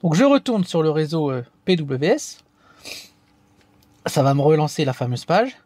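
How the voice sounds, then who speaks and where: A man with a rather high voice walks viewers through a gadget setup in a casual tutorial. He talks hesitantly, stopping and restarting with plenty of fillers. The sound is dry and close, with no room echo. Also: very animated, moderate pace, a little mellow. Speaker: tech tutorial host.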